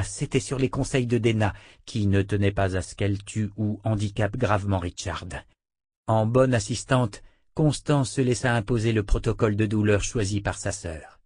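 A man reads a novel aloud in a low voice, taking every part himself. The sound is close and dry, with no room around it. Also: darkish tone, dry recording. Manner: reads all parts, lifting pitch for the women's lines. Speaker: narrator. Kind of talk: audiobook narration.

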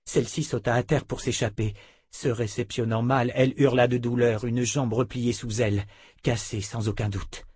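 A man narrating an audiobook with a husky, breathy voice in a steady, dramatic reading. It is recorded close in a dry room. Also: mid-range voice, normal speed, no room sound.

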